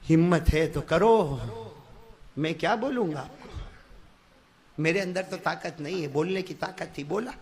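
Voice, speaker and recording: A middle-aged male preacher, giving a live sermon that swings from quiet coaxing to shouted fervor as he urges the crowd to answer back. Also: fairly high pitch, measured pace, long pauses.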